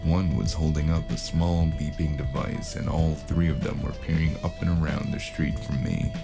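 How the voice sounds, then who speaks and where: Deadpan and dry, with an extremely low, fry-laden voice at a moderate pace, a man performs a world-weary cyberpunk mercenary in a noir audio drama. The mood is hard-boiled and wry as he narrates in first person and delivers dialogue, with plucked guitar playing behind him.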